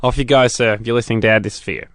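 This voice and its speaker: A man's voice: medium pitch, fairly even intonation, very fast, fairly bright tone, no echo, studio quality. A young man co-hosting a comedy radio show, teasing his partner and rambling through stumbling restarts. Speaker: radio co-host.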